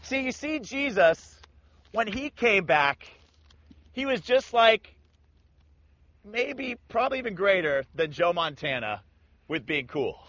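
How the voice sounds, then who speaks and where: A Bible teacher with a high-pitched voice retells a Bible passage casually, speaking slowly and pausing often. He's animated, acting out the people in the story with slangy voices, and the recording sounds dull and lo-fi.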